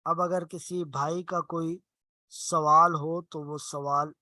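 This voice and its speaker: Slow bright-voiced male Arabic teacher. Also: on the high side, steady tone, no echo. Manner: patient, explains rules step by step; drawn-out slow example words. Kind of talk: online class lesson.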